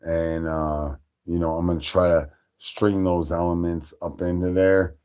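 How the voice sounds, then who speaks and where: A man from Chicago talks on his livestream in a deep, unhurried voice. He rambles casually, swears freely, and stops to throw out shout-outs, with a lot of "like" and "uh" along the way. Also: flat delivery, clean tone. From Chicago, Illinois. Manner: loose, profane, full of fillers and shout-outs. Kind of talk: rambling casual stream chat.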